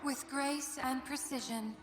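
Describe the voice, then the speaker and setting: A woman voicing a calm, patient lamb spirit of death in a video game, speaking in measured, poetic lines. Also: sits high. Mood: solemn, assured. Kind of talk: dramatic game character dialogue. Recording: music behind the voice.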